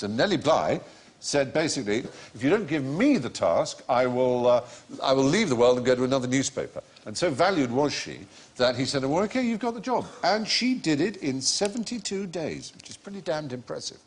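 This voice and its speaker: Lively man hosting a quiz show. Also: mid-range voice. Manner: genial, lively storytelling explanations. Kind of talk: comedy panel show hosting. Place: studio with live audience.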